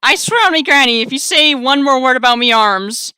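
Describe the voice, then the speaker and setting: A woman's voice: sits high, animated, brisk, bright, forceful tone, smooth, no echo, pitched above the performer's own voice. A woman voicing a cranky short-armed baker with a clumsy put-on accent.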